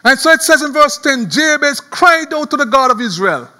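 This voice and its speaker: A man preaching a sermon as a pastor, animated and chuckling as he tells the story, often repeating words. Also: extremely high pitch, moderate pace.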